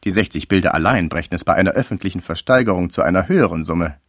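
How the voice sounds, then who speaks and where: A wealthy gentleman of an old novel, courteous on the surface and weighing every deal, speaking in a lively, rising and falling voice, as a male narrator plays him. The sound is dry and close. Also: low-pitched, quick pace, dry recording. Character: rich German gentleman, polite and calculating.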